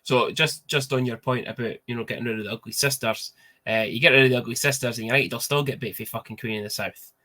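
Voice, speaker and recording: A man's voice: mid-range voice, fairly even intonation, quick pace, bright, forceful tone. A young man with a broad Scottish accent, hosting a casual sports chat in an informal, sweary manner. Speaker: podcast host.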